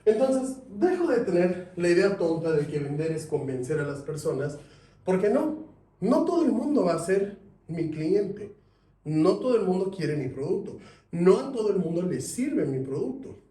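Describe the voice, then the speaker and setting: A man teaching a sales class, lively, asking his students questions. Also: sits high, normal speed. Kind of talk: classroom lecture. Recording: echoey room, mic at a distance.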